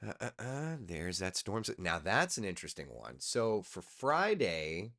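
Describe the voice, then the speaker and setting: His voice is low-pitched and fairly bright, with big swings in pitch and a measured pace. The tired man is a TV meteorologist hosting a live chat, walking through forecast maps and chatting loosely, often to himself, as he works.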